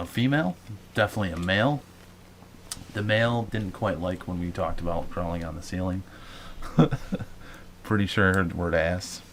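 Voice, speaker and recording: A man's voice: low-pitched, slight background noise. A man hosting a paranormal show, explaining casually to viewers with many fillers and restarts. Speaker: paranormal investigator host.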